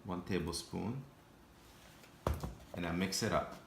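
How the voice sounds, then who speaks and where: Low-voiced male home cook, halting and patient, in an echoey kitchen. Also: creaky, noisy background. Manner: halting, patient step-by-step explaining with frequent restarts. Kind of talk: cooking demonstration.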